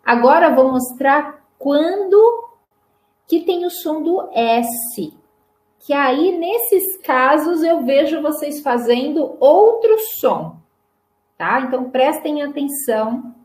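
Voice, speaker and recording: Brazilian woman, language teacher; very slow, drilled word-by-word delivery, echoey room. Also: high voice, animated, darkish tone. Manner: slow, drawn-out repetition of single words. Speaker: Portuguese teacher. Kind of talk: pronunciation lesson for learners. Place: classroom with whiteboard.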